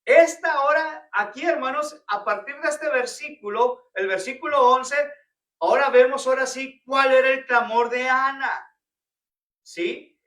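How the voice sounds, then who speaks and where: High, bright man teaching Bible study. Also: measured pace. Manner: questioning the congregation often, repeating "hermanos". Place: church. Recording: roomy church hall, picked up from a distance.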